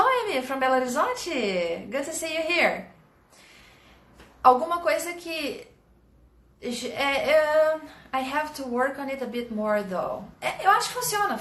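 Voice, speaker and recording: Upbeat Brazilian woman teaching English. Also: sits high. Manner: lively, encouraging, reads out viewers' sentences. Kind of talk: live online English lesson. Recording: echoey room.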